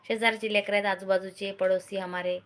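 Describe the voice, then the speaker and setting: A middle-aged woman from Maharashtra, chatting casually on a live stream and repeatedly urging viewers to join and comment. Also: mid-range voice. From Maharashtra, India.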